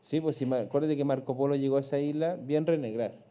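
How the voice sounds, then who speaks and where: A man's voice: mid-range voice, fast, mellow, clean tone, lo-fi sound. A Chilean man teaching a primary school class online, patient, checking in often with his pupils. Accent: Chilean Spanish. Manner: patient, checks in with frequent "¿ya?" and "¿cierto?".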